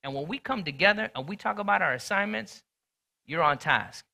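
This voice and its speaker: A man preaching a sermon in a conversational, storytelling way, swinging between loud and hushed delivery. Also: sits high, lively intonation, brisk, vocal fry. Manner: conversational, storytelling with sports talk. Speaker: pastor.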